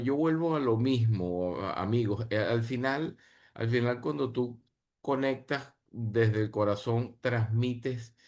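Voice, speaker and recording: A man answering a panel question in an earnest way, often repeating and restarting his phrases, over a video call. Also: medium pitch. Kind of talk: reflective answer in an online panel.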